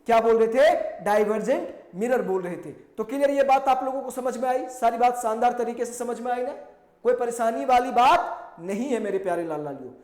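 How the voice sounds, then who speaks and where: High-voiced man teaching in an echoey room. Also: darkish tone. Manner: asks and answers his own questions, repeats key terms; mixes English technical phrases into Hindi, read out slowly. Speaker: physics teacher. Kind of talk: classroom lecture.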